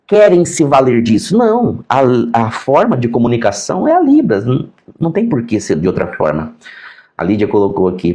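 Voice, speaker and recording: A man with a Brazilian accent, a sign language teacher and interpreter, telling stories in a casual lesson and acting out the dialogue. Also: mid-range voice. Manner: animated, acts out quoted dialogue. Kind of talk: casual storytelling lesson to viewers.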